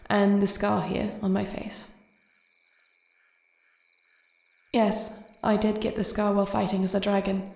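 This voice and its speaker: A woman playing a composed, gentle warrior princess and dragon shifter in an intimate fantasy audio roleplay, speaking formally and with measured care. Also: medium pitch, creaky, a little hiss or hum, lightly acted. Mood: composed, candid.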